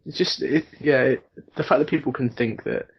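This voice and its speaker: A British-accented man in a casual podcast chat who argues his points with earnest conviction. His pitch is ordinary and middle. The audio is dull and muffled, like a voice coming through an online call. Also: normal speed, breathy edge. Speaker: co-host.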